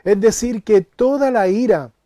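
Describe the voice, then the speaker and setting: A man preaching a sermon as pastor, emphatic, repeating phrases and rising to loud cries on key words. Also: high-pitched, a little slow, no room sound, clean studio sound. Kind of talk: sermon Bible study.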